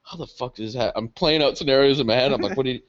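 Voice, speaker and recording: A young man, the podcast co-host, telling a story in casual chat, animated and swearing freely, laughing often. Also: mid-range voice, racing. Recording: dull lo-fi podcast audio.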